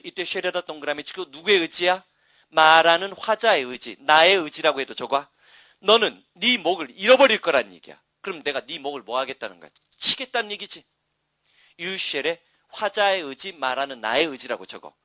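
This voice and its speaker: A man teaching an English grammar class, chatty and wandering into asides, then loud and emphatic when he explains the rules. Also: on the high side, no room sound. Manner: rambling, chatty asides with frequent "응?" checks. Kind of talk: classroom lecture.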